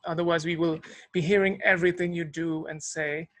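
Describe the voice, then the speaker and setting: A woman organizing an online event, giving relaxed, friendly instructions over a video call. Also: fairly low pitch, brisk, dry recording. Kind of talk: casual chat on video call.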